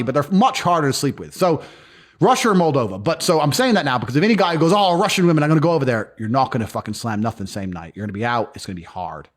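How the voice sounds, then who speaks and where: A man telling stories in a casual interview, blunt and profane. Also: mid-range voice. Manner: fast, animated, profane storytelling. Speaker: guest.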